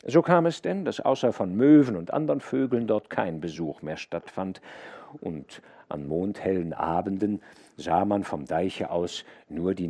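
A man reading a classic novella aloud as an audiobook narrator, slow, expressive and atmospheric. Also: low-pitched.

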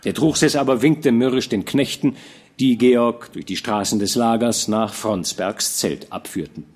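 A man narrating a classic novel as an audiobook in an expressive, measured storytelling manner. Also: medium pitch, husky. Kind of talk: scripted literary narration.

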